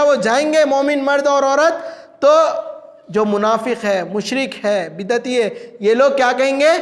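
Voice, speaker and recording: Male preacher, very high voice, Indian Urdu accent, fervent sermon, long hall reverb. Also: a bit bright. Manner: impassioned, rising to cries and dropping low.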